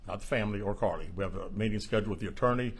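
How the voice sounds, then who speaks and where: A police chief answers questions at a press briefing in a halting, measured, plain-spoken manner. His voice is on the low side with a breathy edge.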